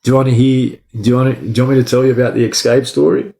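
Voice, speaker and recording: A man's voice: medium pitch, fairly even intonation, racing, vocal fry, dark tone. Echoey Aussie man talking eshay street slang. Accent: Australian. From Australia. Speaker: livestream storyteller. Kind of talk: casual livestream chat and yarn. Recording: echoey room.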